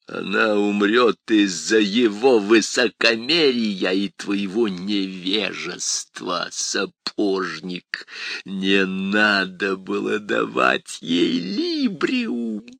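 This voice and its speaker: A man reading an audiobook voices a menacing demon that mocks in a slow, gloating drawl. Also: lowish voice, lively intonation, vocal fry, a bit bright, dry recording, heavily acted. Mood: taunting.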